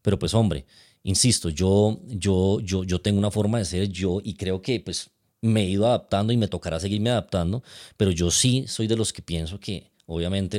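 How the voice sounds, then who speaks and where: A man, a father calmly recounting a parenting dispute to his partner, with many restarts and a habit of asking "¿sí?". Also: on the low side. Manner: hesitant, many restarts, frequent tag "¿sí?". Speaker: father of twins. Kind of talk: calm personal account to partner.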